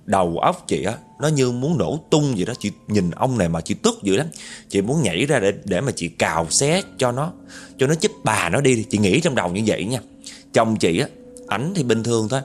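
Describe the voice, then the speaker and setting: Man, horror storyteller, lively lower voice, talks straight to listeners. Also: fairly quick. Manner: chatty, addresses listeners directly.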